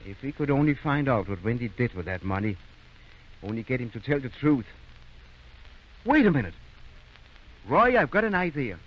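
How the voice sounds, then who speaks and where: An actor playing a kindly, tactful small-town doctor who speaks hesitantly, in an old radio drama. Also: male voice, medium pitch, very animated, normal speed, long pauses. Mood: keen, thoughtful. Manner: hesitant, full of uh and well. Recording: muffled, noisy old radio recording.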